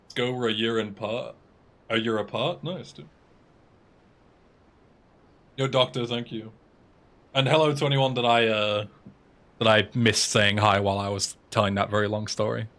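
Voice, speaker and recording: This twenties-aged speedrunner from England talks on his livestream in a low-leaning, slightly bright voice, keeping a fairly even intonation at normal speed with long pauses. He answers viewer messages aloud in a relaxed, casual way.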